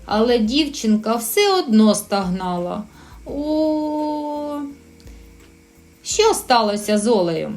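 A woman's voice: medium pitch, animated, a little mellow, soft background music. A woman teaching a recorded lesson for preschool children, encouraging and drawing out her words. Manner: slow, sing-song and encouraging, drawing out sounds.

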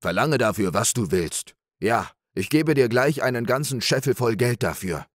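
A man voicing a gullible, boastful middle-aged farmer in an audiobook fairy tale, gruff and eager. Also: medium pitch, animated, normal speed, no echo, clean studio sound, voice pushed up, lightly acted.

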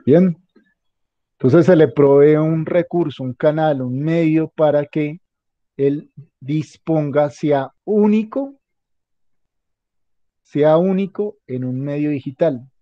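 A man giving a classroom lecture, halting and restarting often, checking in with the class after many phrases. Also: fairly high pitch, dry recording. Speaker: teacher. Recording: dull, muffled lo-fi audio.

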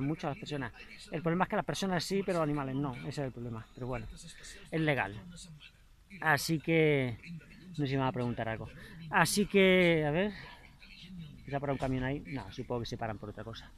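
Chatty, motivational man, higher voice. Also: a bit bright. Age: adult, married. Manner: chatty, motivational, addresses viewers as mates. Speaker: trail running vlogger and coach. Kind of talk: casual post-run vlog talk.

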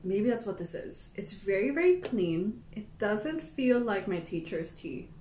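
A woman's voice: mid-range voice, sing-song, unhurried, a little mellow. A young woman thinking aloud in a casual live stream, weighing tasting notes like a sommelier. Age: young adult. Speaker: tea taster, live stream host. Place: small indoor room at a table. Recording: echoey room with some background noise.

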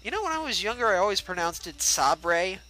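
A man's voice: high-pitched, very animated, racing, bright, forceful tone, faint music behind, poor audio. A young man giving casual, joking let's-play commentary and chatting at the game's characters. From United States. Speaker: gameplay livestreamer.

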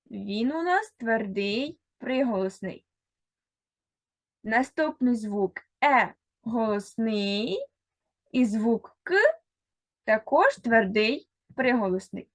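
A woman teacher leads a reading lesson for first graders, sounding words out one by one at an unhurried pace. Her voice sits fairly high and swings up and down a great deal as she addresses a single child and waits for replies. The sound is dry and close. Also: dry recording. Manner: speaks directly to one child, pausing for answers. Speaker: primary school teacher.

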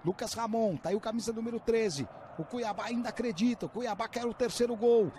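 Brazilian male sportscaster, high-pitched, live football play-by-play with faint stadium noise behind him. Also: a little fast, mellow. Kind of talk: live match commentary.

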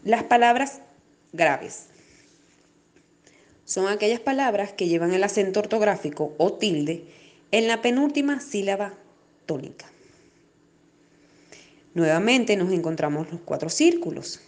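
A woman teacher records a distance-learning lesson for young pupils, in a voice of middle pitch. She explains slowly and clearly, pausing on each example and leaning on the stressed syllables. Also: expressive. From Venezuela. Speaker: primary school teacher.

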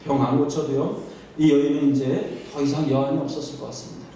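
Man, pastor, emotive sermon, rhetorical questions, high voice, distant mic, booming church echo. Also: fairly even intonation, a little fast, warm tone, slight background noise. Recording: echoey hall from far off.

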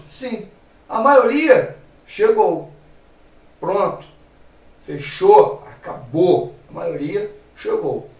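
A male teacher with a Brazilian accent gives a playful, animated grammar lesson, asking and answering his own questions. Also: fairly high pitch, roomy sound, distant mic, poor audio. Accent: Brazilian Portuguese.

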